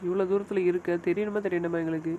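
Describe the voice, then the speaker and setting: A man's voice: high-pitched, fairly even intonation, fast talker, phone-quality sound, slight background noise, natural voice. A man voicing a protective brother-in-law who scolds and prods with concern in an audio drama. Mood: concerned, scolding. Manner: scolding, prodding, emphatic.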